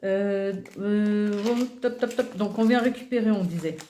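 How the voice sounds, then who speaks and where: A woman's voice: mid-range voice, unhurried, dark tone. A woman in her forties chatting casually about her budget envelopes, filling her talk with hesitations and counting money aloud. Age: 40s. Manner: chatty, many fillers like euh and voilà. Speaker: budgeting vlogger. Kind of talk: casual chat while sorting cash envelopes. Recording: faint background noise with rustling clicks.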